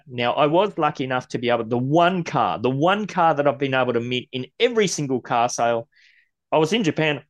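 A man from Australia, co-hosting a podcast, ranting bluntly and swearing, with an occasional lisp when he gets worked up. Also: fairly high pitch. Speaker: podcast co-host. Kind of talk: casual ranting chat.

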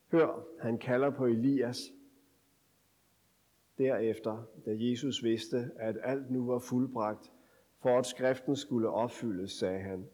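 A male pastor giving a scripture reading and sermon with a measured, solemn delivery. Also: medium pitch, mellow. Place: church. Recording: long church reverb.

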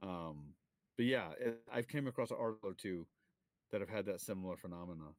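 A man's voice: sits low, fairly quick, no room sound. A man co-hosting a podcast, chatting playfully and laughing. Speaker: podcast co-host. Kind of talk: casual chat.

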